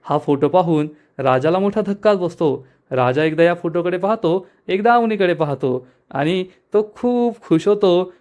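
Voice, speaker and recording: A man narrating a TV episode recap briskly, addressing the viewers as friends. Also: high voice, lively intonation, darkish tone.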